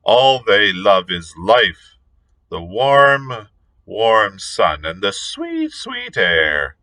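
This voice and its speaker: A man voicing an ancient, cruel female witch, with a shrill falsetto and cackling laughter. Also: huge pitch swings, extremely slow, bright, forceful tone, no room sound, exaggerated voice. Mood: shrieking, cackling. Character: ancient shrieking hag witch, cruel and defiant.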